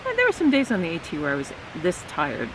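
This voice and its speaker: Middle-aged guy with candy in his mouth, recapping a hike outdoors, kinda high voice, hissy stream noise. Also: huge pitch swings, fast. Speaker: backpacker recapping the day. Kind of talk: casual chat. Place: outdoor campsite on a mountain.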